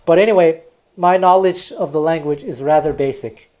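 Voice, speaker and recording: Speaking at a moderate pace, a man from Quebec, Canada, whose first language is Taiwanese, digresses thoughtfully through a history lesson and often restarts his words. He's a music teacher and video host with a fairly high pitch and a darkish tone.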